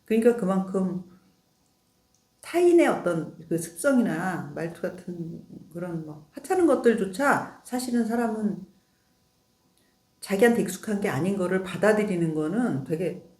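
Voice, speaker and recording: A woman's voice: mid-range voice, sing-song, unhurried, darkish tone. A middle-aged woman in a casual talk with her husband, teasing, laughing often and asking "응?" to check he follows. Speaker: wife in a couple's talk. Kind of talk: casual chat. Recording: roomy echo.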